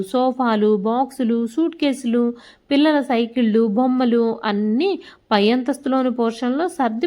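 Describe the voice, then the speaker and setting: A woman telling a scripted emotional family story as a storyteller, reading in a steady, emotive way. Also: a little high.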